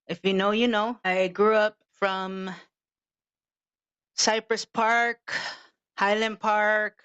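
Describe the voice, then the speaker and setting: This podcast co-host, a woman in her fifties from Los Angeles, California, keeps the conversation relaxed and drops the occasional casual swear word. She speaks slowly in a mid-range, fairly bright, clean voice with fairly even intonation, captured on a dull lo-fi recording.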